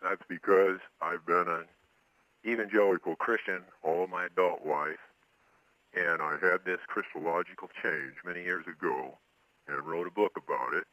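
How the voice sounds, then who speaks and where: A man with a disguised deep voice, giving explanatory answers as an interview guest. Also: moderate pace, no echo, muffled recording. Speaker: guest, pseudonymous author.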